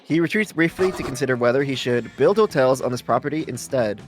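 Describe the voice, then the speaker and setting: A man's voice: mid-range voice, animated, fast. A man reading game narration aloud to a group as the narrator of a playthrough. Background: music.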